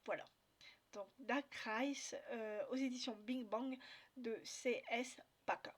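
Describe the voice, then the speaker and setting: French lady rambling about her next reads, lots of euh and restarts, a bit high pitched. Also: fairly even intonation, slow. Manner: hesitant, many fillers and restarts. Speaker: book vlogger. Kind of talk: casual book review chat.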